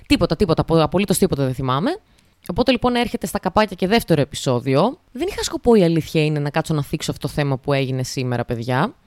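Chatty young woman podcasting, low dry voice. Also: darkish tone, no echo. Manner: chatty, rambling and sarcastic, with put-on voices for quotes. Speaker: podcast host. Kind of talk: casual solo podcast monologue.

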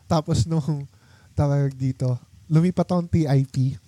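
A man's voice: fairly high pitch, steady tone, measured pace, dark tone, no room sound. Young man rambling through a story. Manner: rambling storytelling with many fillers and laughs. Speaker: podcast host. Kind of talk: casual chat with old friends.

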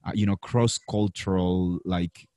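Chatty low-voiced male podcast host. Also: steady tone, measured pace, dark tone, dry recording, clean studio sound. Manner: chatty, many fillers and restarts. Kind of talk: live video-call interview. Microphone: video call.

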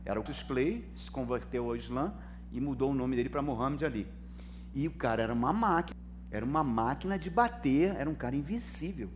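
A man with a Brazilian Portuguese accent preaching a sermon as pastor, swinging between loud emphasis and soft, calling listeners brother. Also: medium pitch, expressive, a little fast, a little hiss or hum.

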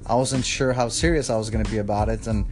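A man's voice: on the low side, fairly even intonation, fast talker, a little mellow, faint music behind. A man hosting a podcast, talking casually and earnestly in an encouraging, rambling way. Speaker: podcast host. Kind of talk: casual motivational monologue.

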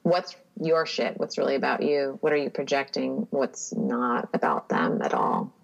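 A woman's voice: a bass voice, big pitch swings, normal speed, creaky, poor audio. A woman speaking as a podcast guest in casual conversation, reflective and candid, often acting out quotes.

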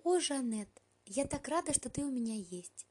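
A woman's voice: sits high, lively intonation, moderate pace, warm tone, pitched above the performer's own voice. A woman voicing a distraught little girl who wails and shrieks accusations. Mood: fond.

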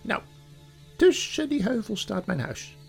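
A man voicing a scheming queen who sweet-talks a boy, with a wheedling, singsong manner and a raspy, gravelly edge. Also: high-pitched, big pitch swings, faint music behind, voice pushed up, heavily acted. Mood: coaxing. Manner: honeyed, wheedling, drawn-out singsong.

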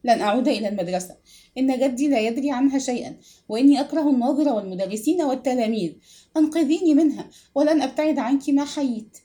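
A woman's voice: sits high, rapid-fire, dark tone, voice pushed up, close to an everyday voice. A woman reading aloud voices a young boy who is crying and pleading with his mother in a raised voice. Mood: sobbing plea.

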